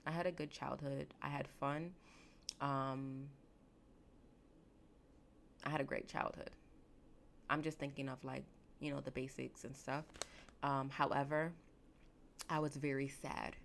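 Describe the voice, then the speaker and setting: Slow gravelly-voiced woman reflecting. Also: rumbling low, level tone, a little hiss or hum. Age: late 20s. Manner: slow, halting, emotional with many restarts. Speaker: podcast host and therapist. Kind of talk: reflective solo podcast talk.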